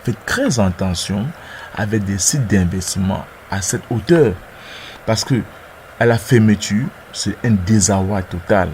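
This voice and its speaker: A trading tutorial presenter walks through a screen-recorded tutorial step by step, often hesitating and repeating words as he clicks along. His voice is lowish, a little slow, and darkish in tone, with a faint hiss underneath.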